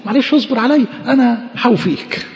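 A man's voice: very high voice, fast, in a large hall, muffled recording, pitched above the performer's own voice. A man with an Egyptian Arabic accent, voicing an indebted male servant who begs his master for mercy in a pleading voice.

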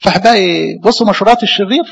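A man with an Egyptian Arabic accent preaching a sermon as a priest, lively, with many rhetorical questions. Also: high voice, rapid-fire, creaky, slightly rough, long reverb tail, poor audio.

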